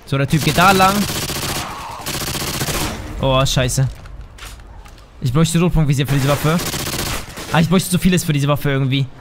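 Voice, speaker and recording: A man's voice: a little high, moderate pace, long pauses, noisy background. A man commentating his own shooter game in a casual, frustrated way, swearing and thinking aloud. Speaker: gaming commentator. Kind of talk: casual let's play commentary. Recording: game gunfire behind the voice. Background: game gunfire and sound effects.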